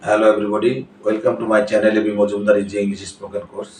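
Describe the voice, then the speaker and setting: A man teaching a spoken English lesson who explains slowly, repeats his points and checks with "clear?". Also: lowish voice, little pitch movement, darkish tone, distant mic, slight background noise. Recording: very echoey room, voice off-mic.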